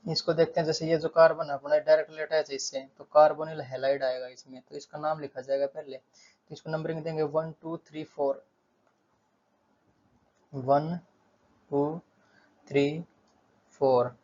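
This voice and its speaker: A man's voice: fairly high pitch, flat delivery, unhurried, pauses often, a little mellow, muffled recording. A male chemistry tutor explaining a lesson at a board, steadily repeating terms and counting aloud.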